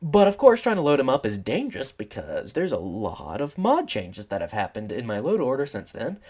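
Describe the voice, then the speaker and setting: A man's voice: mid-range voice, wildly swooping pitch, normal speed, a little mellow. A man giving a casual, rambling screen-recorded tutorial, self-deprecating and acting out his own inner questions, his voice tiring toward failing. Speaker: modding tutorial presenter.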